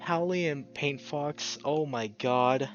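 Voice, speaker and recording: Over game music, a let's play host gives casual, emotional commentary, effusive and full of exclamations as he draws out his words. His voice is on the high side and slow, and the sound is lo-fi.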